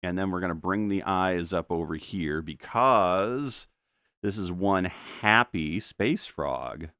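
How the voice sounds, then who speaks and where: Here the middle-aged man's voice is low-pitched, slow, bright, forceful and smooth, captured dry. While painting for a live stream at his home studio desk mic, he rambles casually, restarts sentences with stammers, cuts himself off and chuckles a lot.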